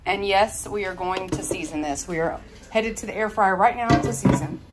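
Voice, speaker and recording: A woman's voice: mid-range voice, moderate pace, over loud music. A woman, chatting informally and folksily through a home cook-along. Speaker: home cooking vlogger. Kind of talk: casual cook-along narration. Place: home kitchen, indoors. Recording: clear sizzling and kitchen noise. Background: frying sizzle, kitchen noise.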